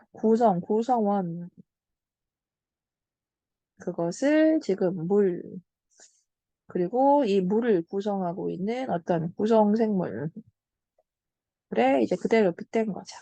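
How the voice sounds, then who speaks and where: A young woman tutoring Korean literature in an online lecture, explaining patiently, checking in with the student and slowing down on key terms. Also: medium pitch, vocal fry, warm tone, dry recording.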